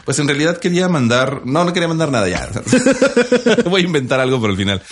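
A man's voice: on the high side, fairly quick. A young man from northern Mexico with a northern Mexican accent, a voice-over announcer co-hosting a podcast in casual, joking chat. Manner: relaxed, joking, laughs often.

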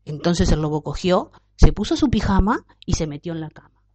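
A woman telling a children's story in an expressive, playful way. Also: fairly low pitch, brisk. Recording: dull lo-fi recording.

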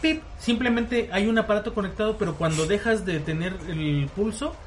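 A man's voice: sits high, brisk, background noise. Slangy Mexican man telling a story. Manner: relaxed, slangy, acts out quoted dialogue. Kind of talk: casual storytelling chat.

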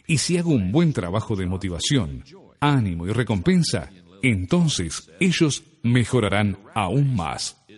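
Male audiobook narrator, measured and deliberate, animated intonation, slight husk. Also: medium pitch, breathy edge. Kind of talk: scripted self-help narration. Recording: long reverb.

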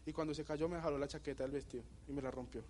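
A man's voice: a little high, rapid-fire, a little hiss or hum. Colombian man telling a story to an audience. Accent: Bogotá Colombian Spanish. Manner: animated storytelling, asks the audience questions, laughs at his own jokes. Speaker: motivational speaker. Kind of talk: motivational talk to a live audience.

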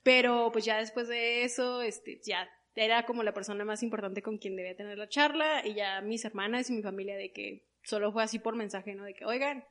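A young Mexican woman with a fairly high voice tells a personal story in an interview. She is animated and acts out the voices of the people she quotes. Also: a little fast, few pauses. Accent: Mexican Spanish. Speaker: guest.

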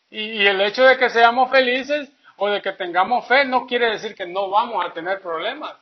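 Male preacher, high-pitched and chatty, on a muffled lo-fi recording. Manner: folksy, tells jokes, keeps asking "¿verdad?". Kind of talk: sermon. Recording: dull lo-fi recording.

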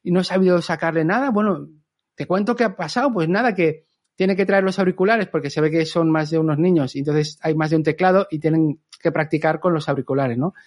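High-voiced chatty man. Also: a little fast. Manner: lively, chatty, acts out quotes. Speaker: communicator and trainer. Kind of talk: podcast storytelling talk.

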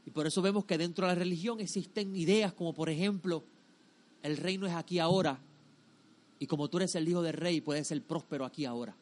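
A man with a high-pitched voice delivers a religious lesson to a group. He teaches emphatically, repeating key phrases for weight and checking in with short rhetorical questions. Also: brisk, darkish tone.

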